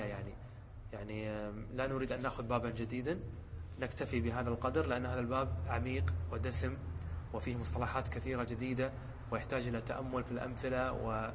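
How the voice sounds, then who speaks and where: A man, a sheikh teaching a lesson, who explains a poem, often checks whether his students follow, and slows down to quote examples. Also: medium pitch, long reverb tail, a little hiss or hum. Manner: asks the class short checking questions. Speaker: sheikh teaching Arabic rhetoric.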